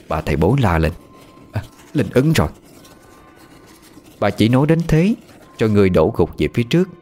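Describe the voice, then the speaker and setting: A man with a low, lively voice tells a ghost story in the first person, measured and expressive. Faint music sits under his narration throughout.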